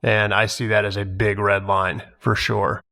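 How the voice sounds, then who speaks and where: A man's voice: lowish voice, level tone, unhurried, creaky, bright, forceful tone. A man on a casual roundtable, speaking bluntly and giving strong opinions. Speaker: podcast panelist and advantage player.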